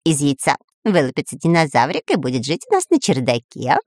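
A woman voicing an excitable, boastful male spy who is childlike and greedy, with shrill exclamations. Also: a little fast, no room sound, studio quality, heavily acted. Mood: excited.

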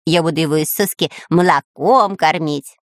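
A woman voicing an excitable, boastful male spy who is childlike and greedy, with shrill exclamations. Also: moderate pace, dry recording, clean studio sound, close to an everyday voice. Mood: excited.

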